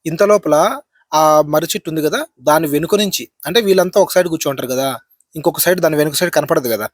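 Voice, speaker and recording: A man's voice: on the high side, quick pace, dry recording, clean studio sound. A man hosting a horror channel, telling a ghost story in a chatty spoken way, repeating phrases and tagging lines with a filler.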